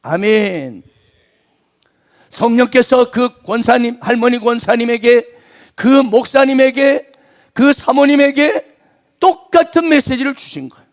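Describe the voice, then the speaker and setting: A man pastor preaching a sermon, swinging between emphatic lines and hushed, nearly whispered ones. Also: very high voice, measured pace, pauses often.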